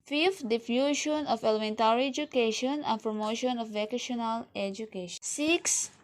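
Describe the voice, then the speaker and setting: Reading a slide presentation from her webcam at home, this young student presenter speaks with a Filipino accent in a voice on the high side. She works through lists, her lines fading quietly at the end.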